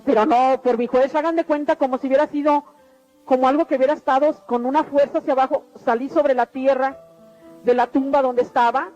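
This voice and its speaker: A middle-aged woman tells her faith testimony earnestly, repeating herself as she narrates. Her voice is high, steady, fairly quick and somewhat dark, captured in a dull lo-fi radio recording with faint music underneath.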